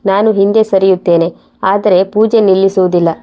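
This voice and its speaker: A woman voicing a gentle, patient young wife in a soft, steady, quiet way. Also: medium pitch, normal speed, natural voice. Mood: calm.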